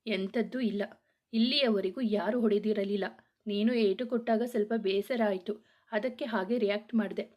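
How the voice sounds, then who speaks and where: A woman voicing a gentle young lover, soft-spoken. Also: medium pitch, steady tone, moderate pace, lightly acted. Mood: soothing. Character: young man, playful yet caring lover. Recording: dull lo-fi audio.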